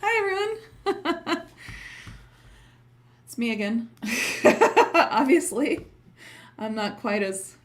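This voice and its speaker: A woman's voice: fairly high pitch, big pitch swings, slow, long pauses. A woman hosting a casual livestream as a teacher, chatting with viewers in an informal, giggly, effusive way. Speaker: host and trance channeling teacher.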